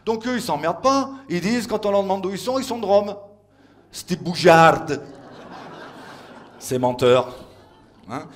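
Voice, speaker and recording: A man's voice: high-pitched, expressive, a little slow, pauses often, slight background noise. A man from France of Italian family doing stand-up on stage as a teasing mock teacher, full of playful asides. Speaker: stand-up comedian. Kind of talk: comic mock language lecture on stage. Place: stage before a live audience.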